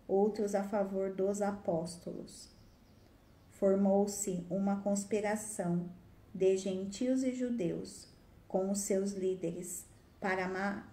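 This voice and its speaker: A woman reading a Bible passage aloud in a measured, steady way. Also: mid-range voice. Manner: measured, steady delivery with small slips. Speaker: scripture reader. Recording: roomy echo.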